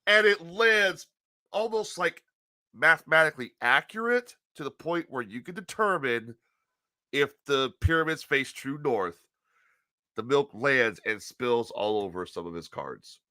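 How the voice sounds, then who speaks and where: A male podcast host telling a rowdy story in an animated way, laughing often and swearing freely. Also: medium pitch, measured pace, no room sound, clean studio sound.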